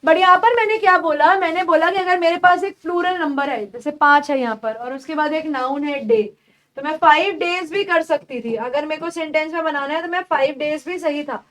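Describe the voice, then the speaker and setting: A young woman giving an English grammar lecture in Hindi, explaining rules step by step and saying the example sentences slowly. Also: sits high, fairly bright tone. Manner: explains step by step, calls students "beta"; spells out slow, drawn-out English examples. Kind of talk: online exam-prep lecture.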